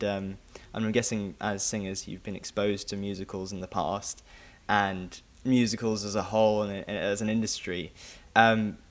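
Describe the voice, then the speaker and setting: A man hosting a podcast interview, asking long, measured, winding questions. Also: fairly low pitch. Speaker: podcast host. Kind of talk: conversational interview.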